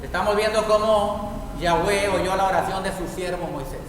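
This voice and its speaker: A man preaching a sermon as pastor, explaining a prayer slowly and deliberately, word by word. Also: high voice. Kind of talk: sermon teaching on Hebrew prayer. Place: congregation hall. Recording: echoey hall, mic far off, faint noise.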